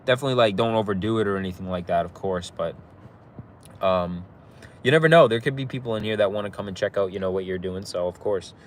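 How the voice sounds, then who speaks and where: A fast-talking young man with a lowish voice runs a casual live stream on his phone, outdoors across the street from a police station. Sniffly from a mild cold, he rambles in a laid-back style, using "like" and "bro" constantly and laughing easily with viewers, over slight background noise.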